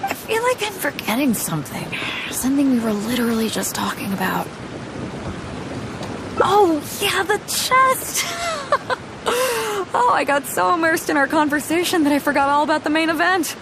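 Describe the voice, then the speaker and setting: A high, sing-song voice at a moderate pace belongs to an actress playing a bold, hearty, easygoing female ship captain in a game cutscene. The captain sounds confident and laughs easily, with game music and background noise behind her.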